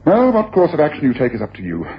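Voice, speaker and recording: A man's voice: on the high side, huge pitch swings, fast. A self-assured detective with a theatrical, domineering delivery. His voice swings widely as he makes his points, in a dull, noisy old radio broadcast. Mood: triumphant, incisive. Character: Sherlock Holmes, commanding, self-assured detective exposing a deception. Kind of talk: 1980s radio drama acting.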